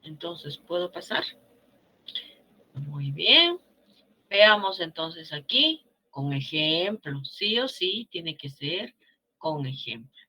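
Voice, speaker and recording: A woman's voice: on the low side, big pitch swings, takes it slowly, pauses often, bright, forceful tone, breathy edge. A woman teacher with a Peruvian Spanish accent giving a grammar lesson, coaxing students along with frequent check-in questions.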